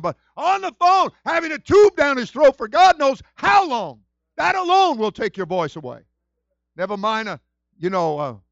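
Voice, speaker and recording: A man preaching a sermon as pastor, moving from quiet storytelling to loud shouted praise. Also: very high-pitched, gravelly, no room sound, lo-fi sound.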